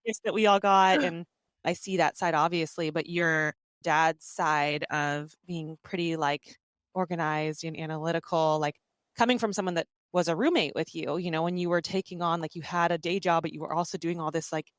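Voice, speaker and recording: A woman co-hosting a podcast interview, chatty and animated, with many fillers. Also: low voice, moderate pace, no room sound, studio quality. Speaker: podcast co-host. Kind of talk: casual conversational interview.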